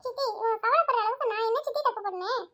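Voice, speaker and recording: A woman voicing a frank, defensive young college student who talks rapidly and insistently in an audio story. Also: very high voice, bright, forceful tone.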